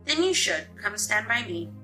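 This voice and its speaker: A woman's voice: medium pitch, big pitch swings, normal speed, pushed and bright, faint music behind. A woman reading aloud voices a proud young female fairy who speaks firmly and defiantly. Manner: firm, encouraging and defiant.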